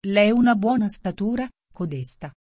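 A woman's voice: mid-range voice, expressive, normal speed, darkish tone, no room sound, studio quality, lightly acted. A woman voicing a sleepy, haughty male caterpillar in a storybook reading, speaking curtly and spitefully. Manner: curt and spiteful.

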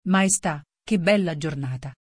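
A woman's voice: fairly low pitch, normal speed, a little mellow, no room sound, clean studio sound, lightly acted. A woman voicing a fawning old duchess who turns everything into a moral, in an audiobook reading. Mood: timid. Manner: sententious, moralizing.

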